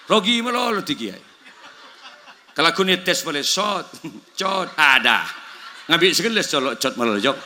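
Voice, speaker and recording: A man's voice: on the high side, pushed and bright, a little hiss or hum. A man with a Madurese accent giving a comic sermon at a village gathering, telling jokey stories and acting out dialogue in several languages. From Madura, Indonesia. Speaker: preacher.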